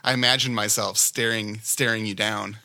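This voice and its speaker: A man's voice: on the low side, steady tone, normal speed, creaky, pushed and bright. A man running a practice case as examiner, chatting casually and explaining with everyday analogies. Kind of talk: casual teaching and feedback.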